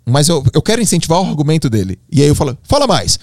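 A Brazilian man with a Brazilian Portuguese accent appears as a podcast guest, telling emotional stories in a slangy style and acting out voices. His voice is on the high side, expressive, rapid-fire and darkish, captured in clean studio sound with no room ambience.

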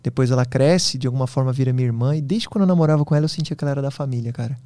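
A man being interviewed as a guest on a podcast, telling personal stories in an animated, casual way. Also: mid-range voice, no room sound. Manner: fast, animated storytelling.

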